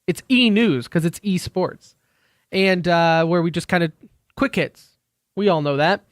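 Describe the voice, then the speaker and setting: A man's voice: sits high, unhurried, dry recording, clean studio sound. A man hosting a radio show about esports, chatty and joking as he moves between segments. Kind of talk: casual esports radio talk.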